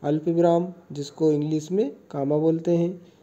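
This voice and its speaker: A man teaching a grammar lesson, going over each definition slowly and checking with his listeners as he goes. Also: on the high side, fairly even intonation, dark tone. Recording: dull lo-fi recording.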